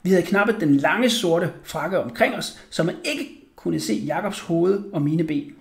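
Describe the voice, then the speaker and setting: A man reads a children's bedtime story aloud with a lively, expressive delivery. His voice sits high for a man and moves easily through the telling. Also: gravelly. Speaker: narrator. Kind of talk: audiobook storytelling.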